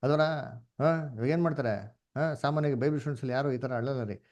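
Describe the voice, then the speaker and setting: Animated Kannada man teaching Bible class. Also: medium pitch, fast talker. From India. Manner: animated, questioning, mixes English words. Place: online class.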